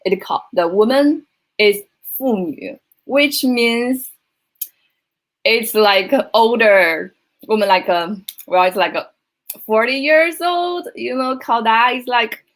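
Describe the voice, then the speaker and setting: A woman from China with Chinese as her first language, speaking as a panelist, halting with many fillers. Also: on the high side, poor audio. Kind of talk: casual conversation.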